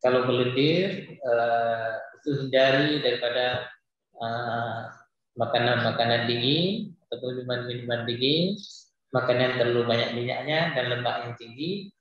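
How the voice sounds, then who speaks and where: A man teaching Quran recitation, answering viewers' questions in a hesitant way with many filler pauses. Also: medium pitch, highs cut off. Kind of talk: live-streamed Q&A lesson. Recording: very echoey room.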